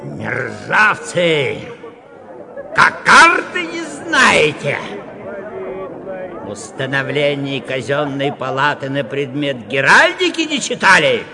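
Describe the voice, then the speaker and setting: A man's voice: on the high side, lively intonation, unhurried, a crowd in the background, voice pushed up. A man voicing a blustering, bullying official who bellows pompous orders in a radio literary reading. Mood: furious. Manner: bellowing, pompous bureaucratic commands.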